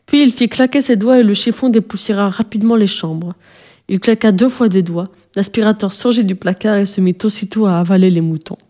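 Woman reading a kids' story aloud, mellow warm voice, calm and even. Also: medium pitch, brisk. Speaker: narrator. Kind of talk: scripted storybook narration.

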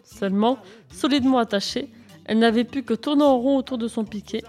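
Woman reading a children's story aloud. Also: brisk. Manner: lively, raising pitch and volume for dialogue. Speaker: narrator. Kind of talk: storybook reading with character voices. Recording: faint music behind. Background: faint music.

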